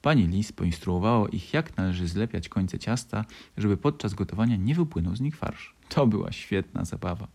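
A man gently narrating a children's storybook. His low voice carries a creaky, husky grain, and his intonation moves in a lively, expressive way. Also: moderate pace, few pauses.

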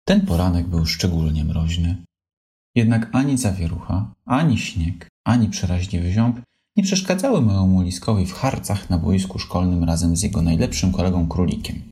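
Low-voiced man reading a children's story. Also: moderate pace. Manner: expressive, animated telling. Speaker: narrator.

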